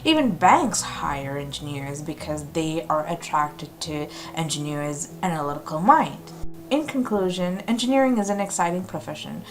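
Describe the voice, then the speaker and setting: A woman in her thirties, a mechanical engineer, giving a clear, upbeat, explanatory scripted career talk. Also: low voice, lively intonation, moderate pace, soft background music.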